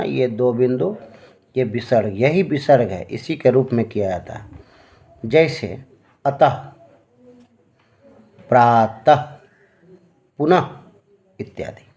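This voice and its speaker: Slow, patient Hindi grammar teacher man. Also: medium pitch, expressive, creaky, dark tone. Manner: slow, patient, checks in with "है ना?" and fillers. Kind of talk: classroom lesson explaining at a board.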